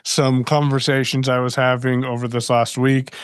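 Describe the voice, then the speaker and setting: A man's voice: mid-range voice, little pitch movement, normal speed, clear, resonant tone, no room sound, clean studio sound. A man co-hosting a podcast in easygoing casual chat, his voice coming through robotic and metallic over a glitchy connection. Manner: easygoing, rambling, with many fillers and restarts. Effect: robotic, metallic-sounding voice over a glitchy connection. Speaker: podcast co-host.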